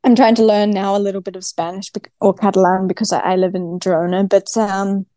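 A woman's voice: mid-range voice, flat delivery, brisk, mellow, no room sound, studio quality. A woman with a broad New Zealand accent, chatting casually as a guest athlete in a podcast interview. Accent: broad New Zealand (Kiwi). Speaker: guest, professional cyclist.

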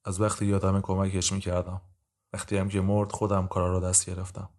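A man voicing a guarded, weary thirty-year-old woman on trial, answering in a quiet, muffled way. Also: low voice, completely flat delivery, natural voice. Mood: subdued.

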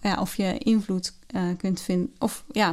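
A woman explaining a research study in a casual conversation, often pausing with fillers and restarting her sentences. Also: medium pitch, little pitch movement. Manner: hesitant, many fillers and restarts. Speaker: co-host discussing a research article.

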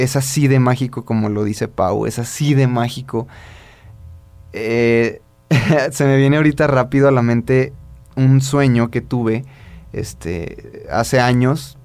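Rambling Mexican man with smooth voice. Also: medium pitch, darkish tone. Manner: rambling with many restarts and fillers. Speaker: podcast co-host. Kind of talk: casual chat, spiritual storytelling.

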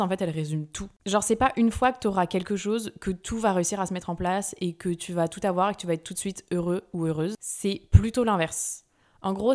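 A young woman talks through her podcast in a loose, chatty way, full of fillers and quick self-corrections. Her voice sits a little low for a woman. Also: darkish tone. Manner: chatty, informal, many fillers and restarts. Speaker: podcast host. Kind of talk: casual self-help podcast monologue.

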